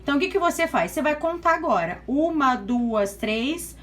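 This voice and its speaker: A woman's voice: high-pitched, lively intonation, moderate pace, fairly bright tone. A Brazilian woman teacher explains a lesson step by step, counting aloud and checking in with "tá?" after nearly every point. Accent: Brazilian Portuguese. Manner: patient, step-by-step, frequent "tá?" checks. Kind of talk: online class lecture.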